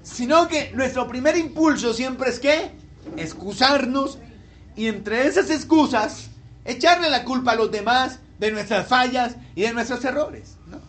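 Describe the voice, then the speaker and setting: Male pastor, high voice, preaching with questions to the flock and acted-out dialogue. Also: measured pace, a bit bright, slight background noise. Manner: asks the congregation questions and acts out the people in the story. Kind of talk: sermon.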